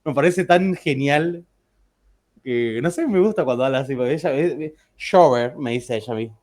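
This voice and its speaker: A man's voice: medium pitch, fairly quick, a little mellow. A man with an Argentine Spanish accent, telling joking anecdotes to a class. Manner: chatty, joking, with frequent restarts. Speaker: teacher.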